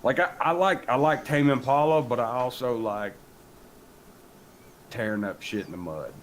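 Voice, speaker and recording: A man's voice: medium pitch, normal speed, a little hiss or hum. A young man with an Appalachian accent, co-hosting a podcast in casual chat, joking and rambling and swearing freely. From rural Appalachia. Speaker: podcast co-host.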